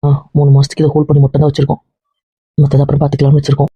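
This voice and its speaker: A man voicing a calm young man who explains and reassures, with a husky voice. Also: a little high, very fast, dry recording. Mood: explaining. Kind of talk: Tamil family drama dialogue. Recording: dull dry lo-fi recording.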